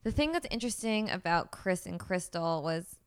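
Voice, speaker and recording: A young woman co-hosting a casual chat podcast, chatty and quick to laugh, acting out her own reactions. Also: fairly low pitch, animated, smooth, dry recording, clean studio sound. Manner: chatty, laughs often, quotes herself in mock reactions. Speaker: podcast co-host.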